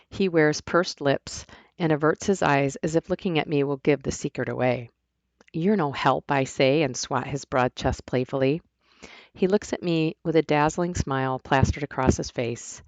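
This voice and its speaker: A woman reading her own novel aloud in first person, plain and unhurried, with small restarts. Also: sits low, no room sound, highs cut off. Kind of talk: first-person audiobook narration.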